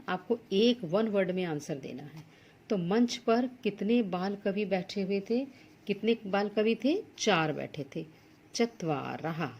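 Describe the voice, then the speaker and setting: A woman's voice: mid-range voice, a little mellow, slight background noise. A woman teaching Sanskrit to school students, working through textbook exercises. She reads each Sanskrit word and then explains it plainly in Hindi.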